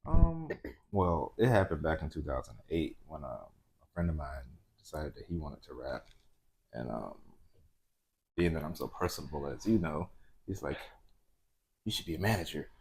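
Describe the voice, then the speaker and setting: A man's voice: very deep voice, very animated, moderate pace, vocal fry, a little mellow, slightly rough. A man from Atlanta, a guest on an interview show, talking in a laid-back way full of "um" and "you know". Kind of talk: casual interview chat.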